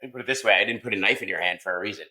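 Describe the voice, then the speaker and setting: Male chef, very low deep voice, dry teasing delivery, relaxed kitchen chat. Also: racing, poor audio. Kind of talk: casual chat. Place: restaurant kitchen.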